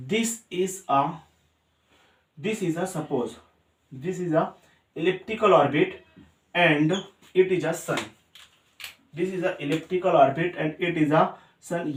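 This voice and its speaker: A man teaching a physics lesson, repeating each point and quizzing his students. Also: high voice. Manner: mixes Hindi with English terms. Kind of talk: classroom lecture. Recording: roomy sound, mic set far off.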